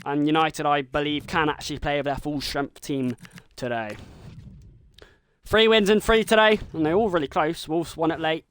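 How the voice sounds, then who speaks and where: Man, game streamer, play-by-play commentary, high voice, excitable. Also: normal speed, smooth. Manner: excitable play-by-play, shouting at big moments; mimics a football commentator and a team manager. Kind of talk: live gameplay commentary.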